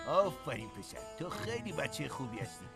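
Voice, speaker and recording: A gravelly, chuckling old grandfather from a TV drama dub. He teases fondly and sounds cheerful. Loud score music plays under him. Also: mid-range voice, big pitch swings. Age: older. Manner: chuckling, teasing. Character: elderly lovestruck village grandfather, sly and cheerful. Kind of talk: dubbed TV drama.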